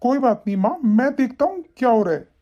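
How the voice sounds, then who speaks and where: A man voicing a young married son who turns stern and scolds his wife in an animated story. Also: very high voice, brisk, highs cut off, exaggerated voice. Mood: puzzled.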